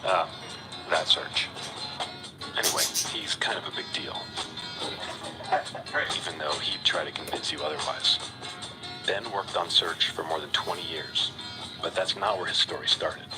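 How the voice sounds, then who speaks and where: A man giving wry, measured scripted documentary narration. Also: low voice. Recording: voice-over over loud music.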